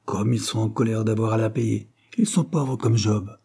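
A man doing a rude schoolboy who answers back sharply and is eager to tell the story himself. The voice is warm and softly husky. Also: on the low side, fairly even intonation, normal speed. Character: rude teenage schoolboy, jealous brother.

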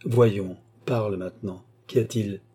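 A man's voice: lowish voice, steady tone, measured pace, breathy edge. A man doing a cold scheming baronet villain. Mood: curt. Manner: curt, sharp, imperious.

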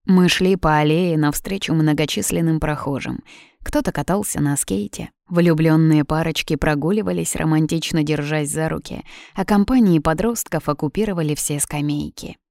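A woman's voice: deep voice, moderate pace, creaky, darkish tone, no room sound, studio quality. A woman reading an audiobook in scripted narration, with a lightly ironic storytelling manner.

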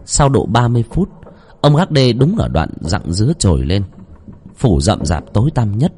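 A man narrating a ghost story with dramatic, expressive delivery. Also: on the low side, moderate pace, breathy edge.

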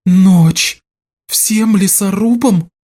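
A man reading aloud and voicing a fierce young village woman who shouts in outrage. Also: sits high, drawn-out words, voice pushed up, full character voice. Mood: furious.

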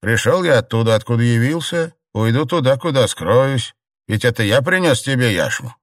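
A man's voice: medium pitch, animated, normal speed, dry recording, studio quality, pitched above the performer's own voice, natural voice. A man voicing a ragged, sly old monk who answers in mocking riddles.

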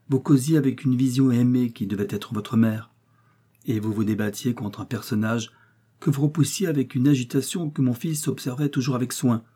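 Man voicing an older mother, worried, lamenting, husky, warm. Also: medium pitch, close to an everyday voice. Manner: lamenting, pleading. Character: anxious old mother, tender and talkative.

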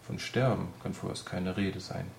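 A small, brisk female nurse speaks firmly and soothingly, as a male reader puts her on. The voice is lifted a little yet keeps a gravelly edge. The sound is roomy. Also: low-pitched, steady tone, slight background noise. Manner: firm, soothing. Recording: roomy echo.

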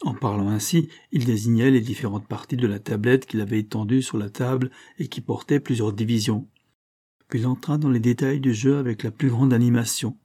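A man narrating a classic children's novel as an audiobook, in a measured storytelling voice. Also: medium pitch, fairly even intonation, dark tone.

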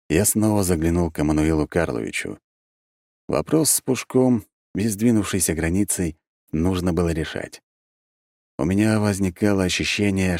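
A man narrates a first-person audiobook in a low, deep voice. His reading is animated, with wide swings in pitch. The sound is dry and close to the mic. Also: dry recording.

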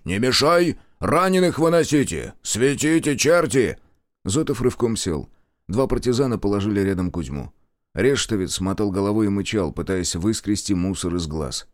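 Expressive low-voiced male narrator. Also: no room sound, clean studio sound. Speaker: audiobook narrator. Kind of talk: scripted narration.

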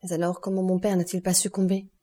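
Woman doing a desperate magistrate begging, faltering, soft husky low voice. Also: completely flat delivery, quick pace. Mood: pleading. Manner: pleading, faltering. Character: anguished, pleading male magistrate.

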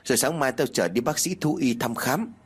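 A man's voice: mid-range voice, expressive, moderate pace, husky. A man playing a carefree young student. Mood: coaxing. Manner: casual, pleading, talks to his dog. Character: carefree young male student, the drinking hero.

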